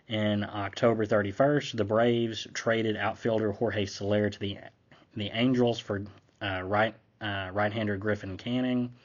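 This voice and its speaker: A young man with a slight cold hosts his own channel, reading down a list as he gives a laid-back, chatty sports recap. His voice is fairly low and the audio sounds lo-fi.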